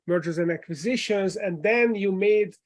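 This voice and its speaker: A man's voice: high-pitched, normal speed. A man hosting a podcast, asking conversational interview questions and often restarting his phrases. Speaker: podcast host.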